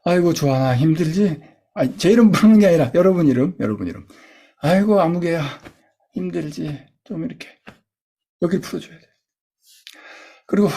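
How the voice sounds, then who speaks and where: Male instructor, husky and lively in pitch, coaching a class through gestures step by step. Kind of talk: guided body exercise lecture.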